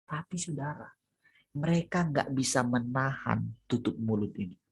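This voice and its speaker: Husky-voiced man preaching animatedly. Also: moderate pace. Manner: animated, rising high and loud on emphasis, then dropping low and soft. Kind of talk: sermon over a video call. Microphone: video call.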